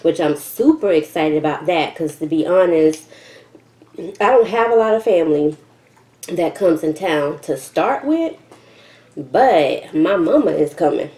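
A woman's voice: sits low, lively intonation, unhurried, mellow. A woman in her thirties talking casually to camera while eating, chewing between and through her words. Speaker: mukbang vlogger. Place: indoors at a table, kitchen setting. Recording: roomy echo with faint noise.

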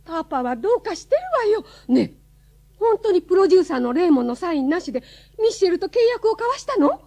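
A woman's voice: big pitch swings, quick pace, dark tone, full character voice. An actress playing a distraught, scolding mother in a radio drama. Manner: shrill, scolding.

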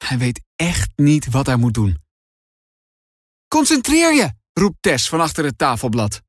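A man reading a children's adventure audiobook in dramatic, expressive scripted narration. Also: medium pitch, moderate pace, dry recording, clean studio sound.

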